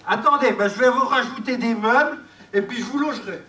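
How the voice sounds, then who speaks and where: A man's voice: extremely high pitch, fairly quick, bright, forceful tone. A man doing a sly, cocky village suitor. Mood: teasing. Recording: echoey, from far off, faint noise.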